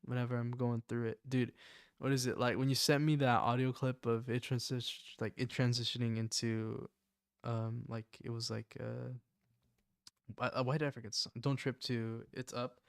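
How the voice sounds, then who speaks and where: A man's voice: mid-range voice, flat delivery, moderate pace, vocal fry, clean tone, no echo, clean studio sound. A man hosting a live stream, chatting casually and rambling with lots of "like" and "um". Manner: rambling, lots of likes and ums. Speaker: livestream host.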